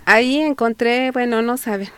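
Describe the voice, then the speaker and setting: A woman's voice: on the high side, moderate pace, fairly bright tone, clear, resonant tone, no room sound. A Mexican woman with a Mexican Spanish accent, a historian guest on a radio interview, explaining at length with frequent fillers and restarts. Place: radio studio. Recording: dry radio studio.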